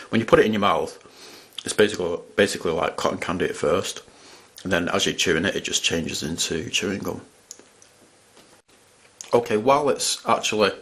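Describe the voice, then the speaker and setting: A man's voice: lowish voice, a bit bright. A man chatting casually as he reviews candy on camera, rambling and restarting his sentences. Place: at home in front of a camera.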